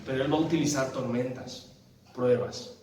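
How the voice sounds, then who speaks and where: A man's voice: mid-range voice, moderate pace, background noise. A man preaching a sermon, telling stories animatedly and asking the congregation questions. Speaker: pastor. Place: church hall. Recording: echoey church hall from far off.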